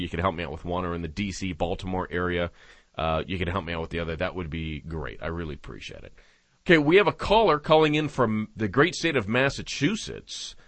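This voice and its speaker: A man's voice: on the low side, a bit bright, no room sound. A man hosting a talk radio show, speaking off the cuff with hesitations and phrases that trail off. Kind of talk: unscripted talk radio monologue.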